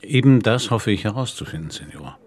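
In a radio play, an actor voices a composed, considerate middle-aged police commissioner, asking questions in a measured, polite, gentle, careful way. His male voice is husky and gravelly, on the low side and darkish, with lively intonation.

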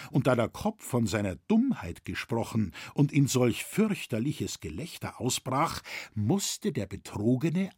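A man reading a novel aloud as narrator, with expressive storytelling. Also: mid-range voice, breathy edge, dry recording, studio quality. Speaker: audiobook narrator.

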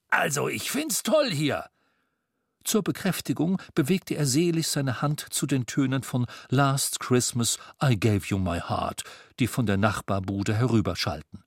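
A man narrating a storybook in an expressive storytelling manner. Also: mid-range voice, vocal fry, dry recording, clean studio sound. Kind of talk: audiobook narration.

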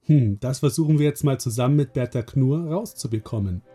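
Male host, warm low-key voice, slightly husky, addressing children. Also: brisk, soft background music. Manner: friendly, explaining. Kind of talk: talking directly to young listeners.

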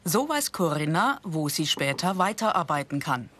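A woman's voice: sits low, normal speed. Woman narrating a career documentary. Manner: calm, informative. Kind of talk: scripted narration.

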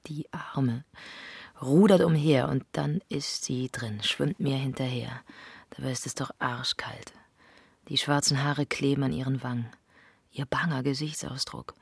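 Woman reading an intimate monologue, half whispered, raspy with some fry, dead dry sound. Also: a bass voice, dry recording. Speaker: narrator. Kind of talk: literary first-person monologue.

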